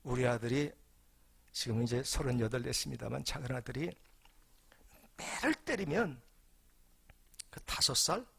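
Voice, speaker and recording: An older man, a senior pastor, preaching a sermon in an animated, humorous storytelling way with rhetorical questions. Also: mid-range voice, unhurried, vocal fry, long pauses, slightly rough, no room sound.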